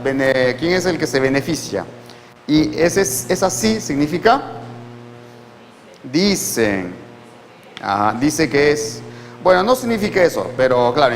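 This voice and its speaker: A man teaching a language class in a slow, patient way, repeating words and checking that students follow. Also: a little high, big-room sound, poor audio. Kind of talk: classroom lecture.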